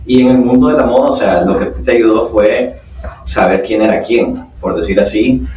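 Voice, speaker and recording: A man with a low voice hosts a podcast interview. His questions wander and he leans on fillers as he circles toward his point. He sounds set back from the mic in a roomy, echoing space with a faint hiss. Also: normal speed, mellow. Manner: rambling questions with many fillers. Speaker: podcast host. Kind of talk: hosting an interview. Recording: echoey room, distant mic.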